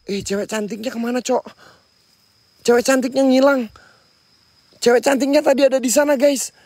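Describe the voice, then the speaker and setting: Man, very high voice, jumpy, frightened, ghost-hunting vlog host, outdoors at night. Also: fairly even intonation, moderate pace, a little mellow, no echo. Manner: jumpy, frightened, talks to viewers. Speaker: paranormal explorer and host. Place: outdoors at night near a sacred tree.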